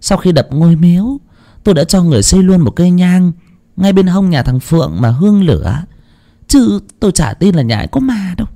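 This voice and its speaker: Brief: a man putting on a bossy, skeptical rich wife, pitched up and scolding, storybook tale. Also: sing-song, warm tone. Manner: scolding, quick retorts. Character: sharp-tongued wealthy older wife, skeptical, bossy.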